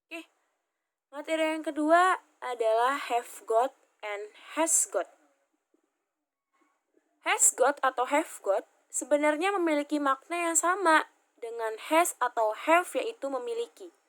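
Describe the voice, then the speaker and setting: A young woman with an Indonesian accent teaches English articles in a slightly high voice. She says each example word twice and spells it out letter by letter, like a patient classroom teacher. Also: animated, takes it slowly, long pauses, a bit bright. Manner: repeats and spells out example words. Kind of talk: classroom grammar lesson.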